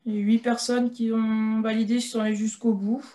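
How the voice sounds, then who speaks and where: A woman with a fairly high voice leads an online presentation. She explains point by point and often stops on hesitant filler sounds between phrases. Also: level tone, dark tone. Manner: hesitant, frequent filler pauses.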